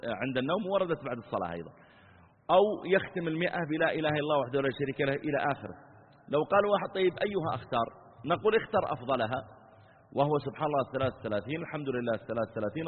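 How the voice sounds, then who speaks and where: A man's voice: fairly high pitch, husky. Man teaching a religious lesson over a tinny line. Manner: explanatory, acts out questioners, repeats phrases. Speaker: sheikh teaching hadith. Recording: tinny phone-like sound in a reverberant hall.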